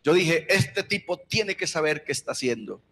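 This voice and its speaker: High bright-voiced Colombian preacher. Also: male voice, animated, moderate pace. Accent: Colombian Spanish. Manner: impassioned storytelling, swinging from hushed to shouting. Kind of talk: sermon.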